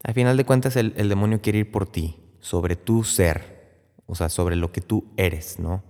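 A man's voice: fairly low pitch, a little slow, a little mellow. A man preaching a Lenten sermon, retelling a Bible story in a conversational way with frequent tag questions. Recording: long hall reverb.

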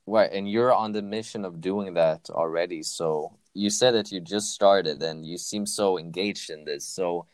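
A man's voice: low-pitched, measured pace, few pauses, dry recording. A man hosting an interview, encouraging and affirming his guest, with frequent backchannel replies. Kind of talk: interview conversation.

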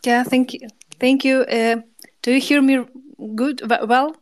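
A woman's voice: high voice, steady tone, a little slow, a crowd in the background. A woman, speaking informally and hesitantly in in an online discussion. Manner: hesitant, non-native English with restarts. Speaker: panel participant.

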